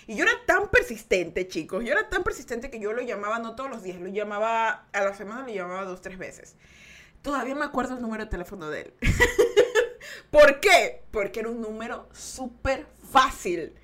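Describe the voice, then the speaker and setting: A woman's voice: fairly high pitch, big pitch swings, moderate pace, a bit bright. A young adult woman with an Ecuadorian accent hosts a podcast, telling a story in a casual confessional way. She talks animatedly, giggles often, restarts her sentences and acts out other people's voices. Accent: Ecuadorian Spanish. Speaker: podcast host.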